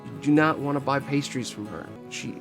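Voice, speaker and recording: A man voicing a timid, nervous young townsman who speaks quietly and hesitantly. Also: medium pitch, a little fast, gravelly, faint music behind, close to an everyday voice. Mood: warning.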